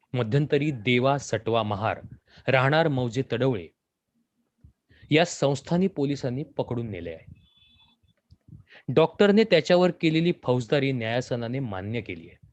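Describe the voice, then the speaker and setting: A man reading a story aloud in a measured, expressive way. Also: mid-range voice, no room sound, lo-fi sound. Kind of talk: scripted story narration.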